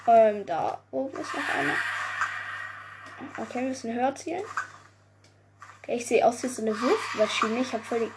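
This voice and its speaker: A young woman giving casual gameplay commentary, excitable, often swearing, groaning and exclaiming. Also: a little high, moderate pace, pauses often, very noisy. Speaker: gaming video creator.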